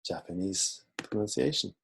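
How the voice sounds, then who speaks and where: A man teaching in a relaxed, informal way, walking through a screen-recorded software tutorial. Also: low-pitched, moderate pace, vocal fry, a little hiss or hum. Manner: relaxed, informal explaining while clicking.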